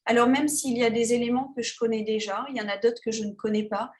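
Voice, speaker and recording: Hesitant woman with a high voice. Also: level tone, fast, darkish tone. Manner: hesitant, many fillers and restarts. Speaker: interview guest, underwater photographer. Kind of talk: casual interview. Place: Tahiti.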